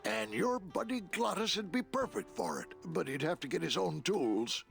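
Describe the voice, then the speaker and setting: An actor voicing a gruff, salty old dockmaster in a video game, talking like an old fisherman with a gravelly, wry delivery. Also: on the high side, big pitch swings, normal speed, fairly bright tone, full character voice. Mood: matter-of-fact. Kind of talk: animated video game character acting. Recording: game music underneath.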